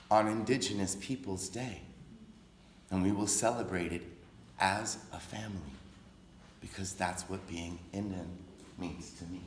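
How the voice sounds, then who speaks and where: A man giving an impassioned public speech at a gathering, slow and deliberate, with long solemn pauses. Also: fairly low pitch, reverberant, a little hiss or hum. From raised on a reservation in the United States.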